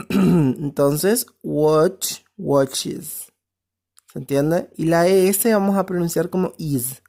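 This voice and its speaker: Woman, English teacher, low voice, slow and patient, keeps checking for understanding. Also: mellow. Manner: explains step by step, often checks with "¿sí?". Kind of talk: recorded online class.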